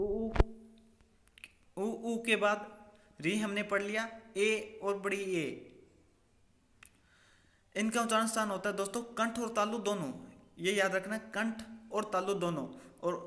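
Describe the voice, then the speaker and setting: A man's voice: sits high, sharp tone. A male teacher giving an exam-prep grammar lesson, asking questions and answering them himself, repeating key points. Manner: repetitive quizzing, asks and answers himself. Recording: echoey room with long reverb.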